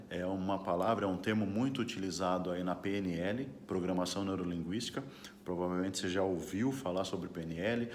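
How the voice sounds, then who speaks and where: A man's voice: fairly low pitch, a little hiss or hum. A middle-aged man, a corporate trainer, giving a casual lesson to camera with a chatty, questioning manner. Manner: chatty, frequent tag questions.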